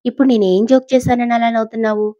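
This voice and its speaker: A woman's voice: medium pitch, steady tone, brisk, darkish tone, no echo, close to an everyday voice. Woman doing arrogant angry matriarch, tense, audio drama, dry dull recording. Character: proud powerful older woman, cornered and angry.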